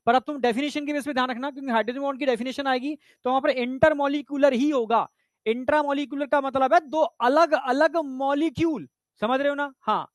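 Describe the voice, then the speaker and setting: A man's voice: very high-pitched, a bit bright, dry recording, studio quality. A man teaching a biology exam-prep lecture in a chatty way, often checking whether students follow. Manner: chatty, repeats "theek hai" often, asks students if they follow. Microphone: lapel mic.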